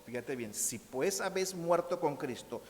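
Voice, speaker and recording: A Mexican pastor delivers an animated sermon in a church, his voice set a little high for a man. He keeps turning to the congregation and acting out little quotes. The sound carries a long reverb from the sanctuary. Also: moderate pace. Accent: Mexican Spanish. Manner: animated preaching, repeats "hermanos míos", acts out quotes.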